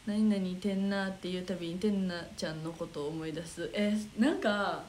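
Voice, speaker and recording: A woman's voice: on the low side, fairly even intonation, moderate pace, darkish tone, slight background noise, rough recording. A young woman with a Kansai accent chatting casually on a livestream, reading viewer comments aloud, giggling often and muttering to herself while she searches for the next one. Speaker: idol livestream host.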